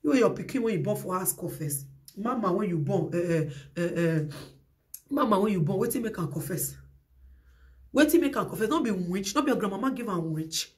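A woman speaking Nigerian Pidgin English, ranting at her followers with a confrontational, threatening delivery and loud bursts. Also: medium pitch, animated, brisk. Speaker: social media vlogger. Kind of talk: heated rant to followers.

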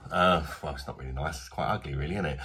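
A rumbling low voice with a sharp tone comes from a British man in his thirties, talking fast as he reviews a beer in a small home bar. He's chatty, blunt, and self-deprecating, and there's a little hiss or hum in the background.

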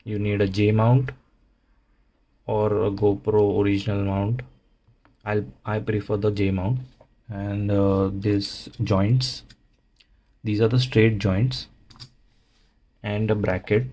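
Low, even-toned man explaining casually. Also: slow, long pauses. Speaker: motovlogger, presenter. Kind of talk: casual how-to tutorial narration.

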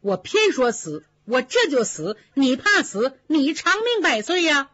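A woman's voice: high-pitched, big pitch swings, unhurried, a bit bright, no echo, full character voice. A woman voicing a frail, touchy young noblewoman who speaks in sulky reproaches, in a dull, dry recording.

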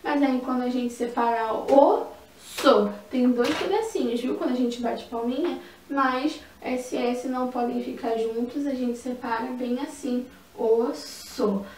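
A woman's voice: sits high, a little mellow. A woman teaching an online lesson to young children in a sing-song, emphatic way. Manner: sing-song, slow and emphatic on key words, with diminutives. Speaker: primary school teacher. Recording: echoey room, mic at a distance, faint ambient noise.

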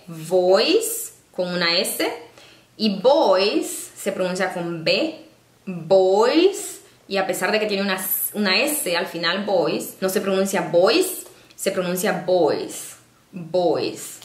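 A woman presenting a casual teaching vlog, patiently explaining and slowing down to sound out example words. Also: mid-range voice, fairly bright tone. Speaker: online English-learning presenter. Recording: echoey room.

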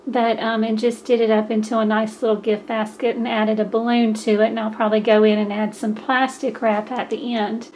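Middle-aged Southern woman, hoarse, losing her voice, chatty gift-craft host, slightly high voice. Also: a little hiss or hum. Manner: chatty, many fillers. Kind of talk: casual crafting tutorial.

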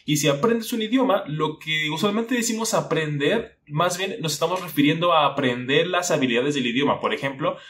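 This young language-learning YouTuber has a slightly high, somewhat bright voice and speaks briskly with few pauses. In his casual explanation, he chats with the viewer, peppering them with questions and acting out a teacher.

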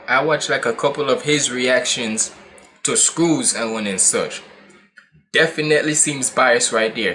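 A Jamaican man in his twenties, with a Jamaican accent and a mid-range, pushed, bright voice, hosts a reaction video from a small room at home. His commentary is casual, rambling and slangy, and the recording is rough.

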